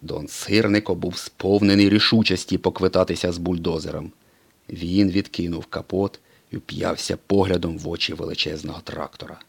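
A man reading a children's storybook aloud in an expressive, dramatic way. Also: low voice, normal speed, creaky, husky. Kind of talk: storybook narration.

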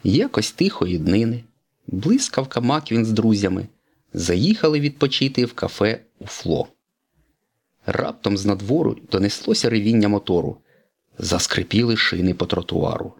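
A man narrating a children's storybook in an expressive read-aloud manner. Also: lowish voice, normal speed, creaky, breathy edge.

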